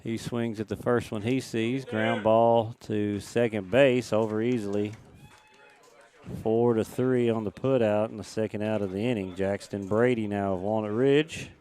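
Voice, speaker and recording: A man calling a high school all-star baseball game play by play, lifting his voice on the big plays. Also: steady tone, warm tone. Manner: brisk, lifts in pitch and volume on big plays. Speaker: play-by-play announcer.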